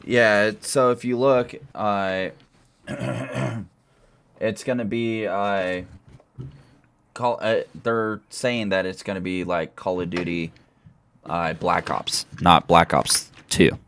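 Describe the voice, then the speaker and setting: A man's voice: on the low side, fairly even intonation, takes it slowly, pauses often, a bit bright, slight background noise. A man hosting a casual gaming podcast over an online call, rambling with lots of fillers. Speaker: podcast host.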